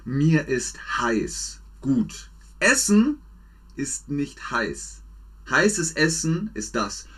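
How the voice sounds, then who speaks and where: Male German teacher for a live chat: husky, slow, sing-song drilling. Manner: slow, repetitive, exaggerated drills with lively pitch swings. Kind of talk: slow, playful language lesson for learners.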